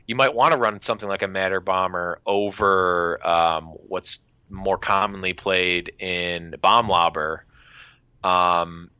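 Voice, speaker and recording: A man's voice: sits low, fairly even intonation, slow, sharp tone, smooth, dry recording. A man co-hosting a gaming podcast, rambling through points with giggly, joking asides. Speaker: podcast co-host. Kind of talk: casual gaming podcast chat. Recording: dull, lo-fi close mic.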